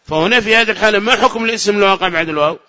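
Guy teaching grammar, bright tense voice, quizzes the class and answers himself, muffled lo-fi recording. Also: high voice. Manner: asks the class questions and answers them himself; repeats key phrases slowly. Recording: dull lo-fi lecture recording.

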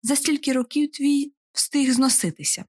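A woman's voice: sits high, moderate pace, a little mellow, no room sound, studio quality, lightly acted. A woman voicing a cruel old witch grandmother who talks in a cold, commanding, taunting way.

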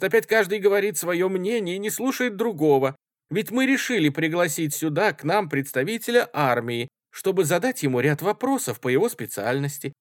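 A man voicing an insistent young woman who chairs a noisy student meeting, pleading and shouting over the others. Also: a little high, no echo, studio quality, voice pushed up.

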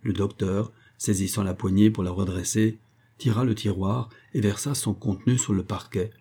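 A man narrating a novel as an audiobook, in a measured, even storytelling manner. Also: lowish voice, breathy edge.

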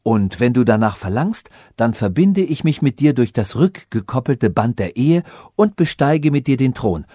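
A man's voice: mid-range voice, sing-song, normal speed, few pauses, warm tone, husky, no room sound, studio quality. A man reading an audiobook voices a haughty, suspicious robot princess who asks probing questions.

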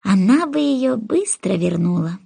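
A woman's voice: mid-range voice, big pitch swings, unhurried, creaky, mellow, slightly rough, heavily acted. A woman voicing a polite, dreamy little girl who talks earnestly.

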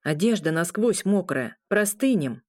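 A woman's voice: fairly low pitch, lively intonation, a little slow, darkish tone, dry recording, clean studio sound. A woman voicing an injured, cocky young man who groans and complains of pain. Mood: calm.

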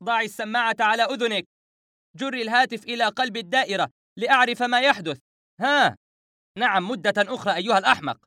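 A man acts out a storybook hero gone frantic, shouting commands into a telephone, his voice pushed high and strained. The recording is dry and close. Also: fast, dry recording. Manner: frantic, shouting urgent orders. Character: panicked young man shouting into a phone.

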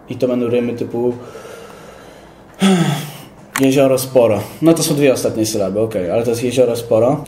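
A young man talks through his ideas in a relaxed, thoughtful interview, his voice mellow and soft-edged. The sound is roomy and echoey, with a faint hiss of noise underneath. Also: mid-range voice. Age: young adult. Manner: thoughtful, explanatory. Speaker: interviewee, rapper. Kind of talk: casual interview.

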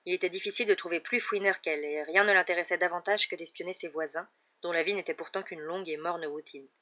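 Audiobook narrator, steady measured read; lo-fi, muffled recording. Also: medium pitch. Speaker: audiobook reader. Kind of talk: scripted narration. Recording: dull lo-fi recording.

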